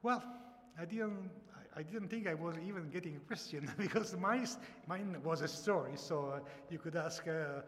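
Halting Italian-accented man in an echoey hall. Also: a little high, a bit bright. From Italy. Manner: hesitant, halting, with repeated words. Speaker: conference speaker, software founder. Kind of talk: informal storytelling talk to an audience with questions. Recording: echoey hall with background noise.

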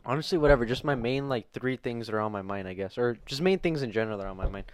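A young man co-hosting a podcast chats casually, laid-back and rambling, with heavy use of fillers. His mid-range voice races along.

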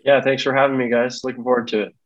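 A young man in his twenties, an athlete, gives brief, hesitant answers to interview questions over a video call. His medium-pitched voice is flat and quick, with no room sound, and the video-call audio is dry and dull.

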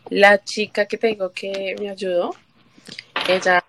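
A woman from Colombia gives a long personal testimony in an interview, halting and repeating herself as she quotes what people said to her. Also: mid-range voice, level tone, noisy background. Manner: halting, with fillers and restarts, quotes herself and others. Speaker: interview guest.

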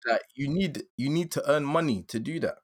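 A man's voice: on the high side, normal speed, no room sound. A young man with a London accent, chatting casually on a podcast in a slangy, rambling way. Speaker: podcast host.

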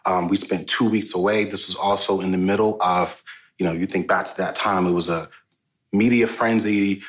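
A man's voice: sits low, steady tone, normal speed, low-quality recording. Laid-back Brooklyn man telling a story. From Brooklyn, New York. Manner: easygoing storyteller, restarts and hedges as he goes. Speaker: guest. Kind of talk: casual podcast conversation.

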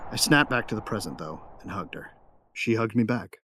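There's a little hiss or hum under a lowish, sharp-toned man who speaks expressively at a moderate pace. His role in a sci-fi audio drama is a tough young gunfighter and protective big brother, and his first-person narration and dialogue are matter-of-fact, wry, and grim.

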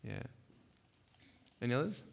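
A man leading a church workshop session, talking conversationally and emphatically, often checking in with the audience. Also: unhurried. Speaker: workshop speaker. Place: church hall. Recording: long hall reverb.

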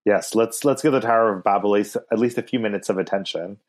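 A podcast co-host with a fairly low pitch and fast delivery talks through the weekly Torah portion, thoughtful and rambling, with many restarts.

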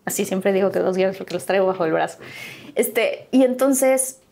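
A woman's voice: mid-range voice, moderate pace, vocal fry, a little hiss or hum. A Mexican woman with a Mexican accent, an actress telling stories from her life in a casual interview and acting out the dialogue. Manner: animated, acts out quoted dialogue.

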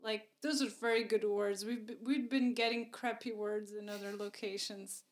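A woman's voice: mid-range voice, steady tone, normal speed. A woman guest in a casual chat, laid-back and loose with her words. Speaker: podcast guest.

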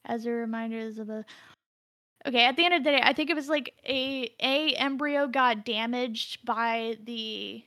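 A woman co-hosting a casual podcast chat with a high, bright voice. She rambles and restarts her thoughts often, recorded close and dry. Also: moderate pace, dry recording. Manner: rambling, full of fillers and restarts. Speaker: podcast co-host.

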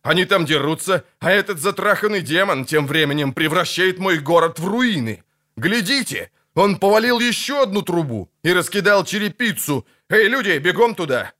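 A man's voice: fairly high pitch, expressive, unhurried, few pauses, sharp tone, voice pushed up. A man voicing a blustering, irritable town official who barks orders in an audiobook. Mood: indignant.

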